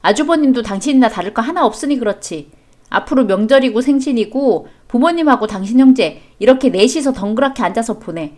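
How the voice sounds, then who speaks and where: A woman's voice: on the high side, lively intonation, fairly quick, darkish tone. A woman reading a scripted chat story and voicing a protective young mother who scolds firmly. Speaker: story reader.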